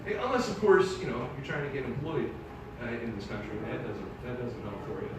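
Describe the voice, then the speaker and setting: A middle-aged man performing live stand-up comedy, telling animated stories and swearing freely, recorded on a theater stage. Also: medium pitch, brisk. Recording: echoey hall from far off, crowd noise.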